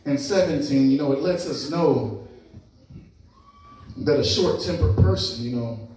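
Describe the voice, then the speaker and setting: A man preaching a sermon as pastor, playful and lively, acting out little scenes with laughs. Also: mid-range voice, a little slow. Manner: playful, acts out animals and voices with laughs. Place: church. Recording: echoey church hall, mic far off.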